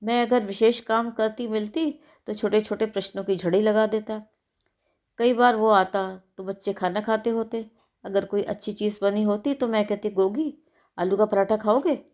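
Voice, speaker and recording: A woman reads a short story aloud in a calm, even voice. Her first-person narration moves steadily from line to line. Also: medium pitch, moderate pace. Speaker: story reader.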